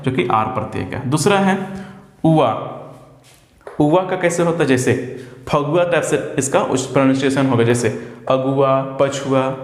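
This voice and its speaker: Young male tutor, a little higher-pitched, quizzes himself, reverberant room. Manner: asks questions and answers them himself, drawn-out example words. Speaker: exam-prep teacher. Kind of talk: casual explanatory lesson. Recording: echoey room with long reverb.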